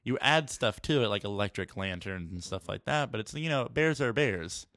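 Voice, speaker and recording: A man co-hosting a casual book podcast, animated and jokey, laughing often as he riffs. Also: lowish voice, moderate pace, no room sound, studio quality. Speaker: podcast co-host.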